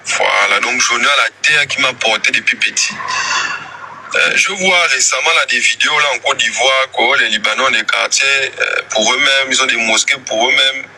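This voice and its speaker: A man's voice: medium pitch, normal speed. A man from Gabon speaking earnestly in a video statement addressed to his community. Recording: noisy replayed video clip.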